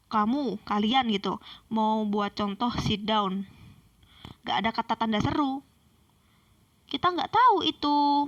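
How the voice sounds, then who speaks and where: A woman's voice: fairly high pitch, a bit bright, distant mic, highs cut off. Young woman teaching, chatty. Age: young adult. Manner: chatty, repeats herself and checks in with students. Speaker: English teacher. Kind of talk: classroom lesson explaining grammar.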